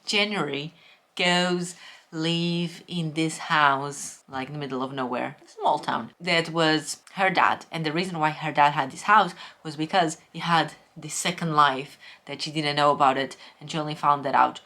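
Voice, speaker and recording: A woman with a slightly low-pitched voice chats casually in a book review vlog. She is candid and opinionated and breaks into lively exclamations when a book lets her down. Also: normal speed. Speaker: book vlogger.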